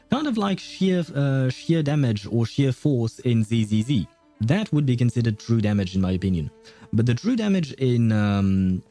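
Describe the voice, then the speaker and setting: A man with a mellow, mid-range voice hosts a livestream, chatting casually during a game stream. He rambles and often loses his train of thought.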